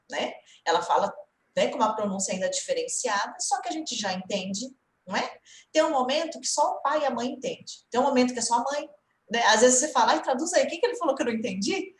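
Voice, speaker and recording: A woman's voice: a little high, roomy sound, a little hiss or hum, low-quality recording. A woman with a Brazilian Portuguese accent, an English teacher giving an online lesson and quizzing her student as she explains.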